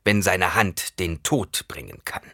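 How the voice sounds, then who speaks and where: A man voicing a stern, gruff male weapons master who scolds in a raised, forceful voice for a storybook reading. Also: deep voice, measured pace, no echo, clean studio sound, heavily acted. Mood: stern, scolding.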